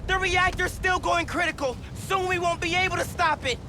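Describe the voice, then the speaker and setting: Desperate high-pitched teenage boy superhero. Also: normal speed. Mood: desperate, urgent. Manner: urgent, strained pleading. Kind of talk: dramatic video game voice acting. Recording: loud action noise and rumble behind.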